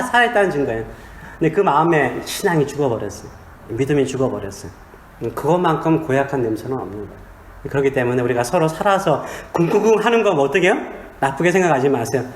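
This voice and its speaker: A man, a pastor, preaching a sermon in a small church, with humor and questions put to the congregation. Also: a little high. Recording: echoey church sanctuary.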